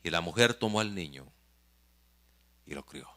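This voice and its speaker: Dramatic pastor with a bright voice. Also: male voice, low voice, lively intonation, normal speed. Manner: dramatic, swinging from loud exclamation to hushed near-whisper; addresses the congregation directly. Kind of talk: sermon.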